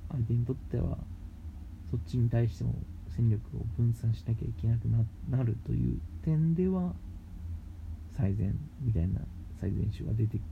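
A man talking casually as a radio host, explaining things in halting, phrase-by-phrase steps. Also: medium pitch, vocal fry. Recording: muffled lo-fi with faint background noise.

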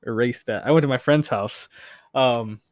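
A man's voice: medium pitch, normal speed, no echo, studio quality. A young man hosting a podcast, chatting loosely with lots of fillers and swearing. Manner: loose, profane, filler-heavy rambling. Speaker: podcast host. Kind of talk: casual chat.

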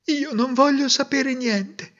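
A man's voice: very high-pitched, takes it slowly, a bit bright, muffled recording, pitched above the performer's own voice, heavily acted. A man voicing a young, lost princess who laments plaintively in a fairy tale. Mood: stubborn.

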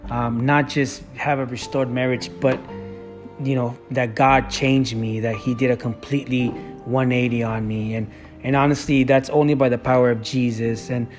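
A man co-hosting a casual talk with his wife about faith and marriage, halting with many fillers and restarts. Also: mid-range voice, level tone, soft background music. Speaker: podcast co-host.

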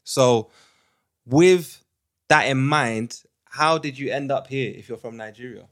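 A man's voice: medium pitch, measured pace. A young man from Uganda hosting a casual podcast chat, asking questions and teasing his guests. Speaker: podcast host.

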